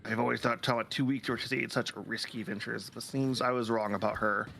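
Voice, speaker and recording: Bright-voiced man reading game text. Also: medium pitch, steady tone, quick pace, creaky, a little hiss or hum. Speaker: co-streamer.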